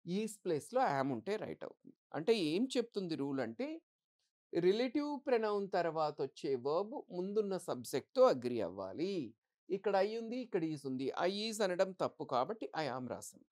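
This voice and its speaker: A woman teaching English grammar for exams, asking the class questions and answering them herself. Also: on the low side. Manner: reads English example sentences slowly and deliberately. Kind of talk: exam-prep grammar lesson.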